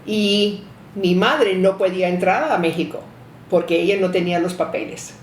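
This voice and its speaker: An older woman telling family memories in an interview, halting and restarting her sentences. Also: fairly even intonation. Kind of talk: reminiscing storytelling. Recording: roomy echo, faint rumble.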